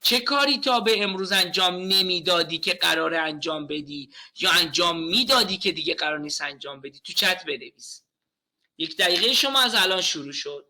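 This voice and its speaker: A man in his thirties teaching a live webinar on communication skills, playful and animated as he speaks directly to his class. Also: high voice.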